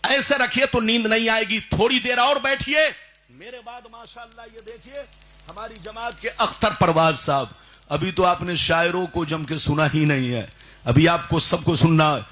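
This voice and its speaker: A male Islamic preacher giving a sermon at a live religious gathering. He keeps calling on the crowd to answer loudly and slips into a sung chant on some phrases. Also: sits high, moderate pace.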